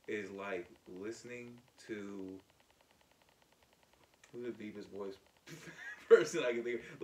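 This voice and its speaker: A man co-hosting a podcast in casual chat, with loud, laughing, profane banter. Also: medium pitch. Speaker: podcast co-host. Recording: echoey room, mic at a distance, faint noise.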